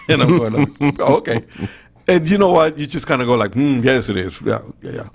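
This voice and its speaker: A middle-aged man hosts a talk radio show with a Costa Rican Spanish accent. His voice is gravelly, and he rambles through anecdotes with frequent restarts. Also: mid-range voice, animated, moderate pace. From Costa Rica.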